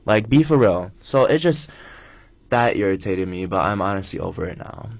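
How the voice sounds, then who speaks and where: A young man co-hosting a college radio show, telling a story in an animated, exasperated way. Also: sits low, moderate pace, creaky, no echo, muffled recording. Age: young adult. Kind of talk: casual storytelling chat.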